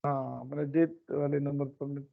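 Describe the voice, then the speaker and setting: This instructor's voice is mid-range and creaky, delivered flatly at a moderate pace. He teaches an online class, going step by step and repeating phrases. The sound is a dull lo-fi meeting recording from a computer mic on a video call.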